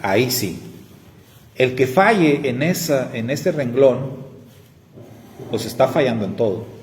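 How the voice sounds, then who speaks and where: A man's voice: mid-range voice, a little mellow. A man with a Mexican accent, a pastor teaching a conversational church class with folksy storytelling and tag questions. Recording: long hall reverb, faint noise.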